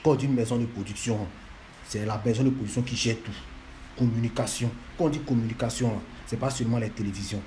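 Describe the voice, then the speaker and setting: A man's voice: medium pitch, fairly even intonation, fast talker, dark tone, a little hiss or hum. A man, lecturing and scolding fans in a repetitive, emphatic monologue. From Ivory Coast.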